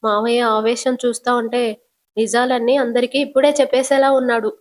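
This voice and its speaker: A cautious, worried young man, as a woman narrator voices him, quiet and placating in tone. He sounds uneasy, as in a spoken storybook retelling of a TV serial. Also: on the high side, little pitch movement, a little fast, close to an everyday voice.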